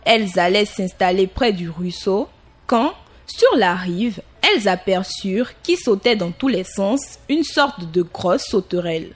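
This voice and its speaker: A woman reads a fairy tale aloud in a calm, deliberate storybook style. Her pace is unhurried and her pitch sits in a middle range. Soft music plays faintly behind her voice. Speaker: narrator.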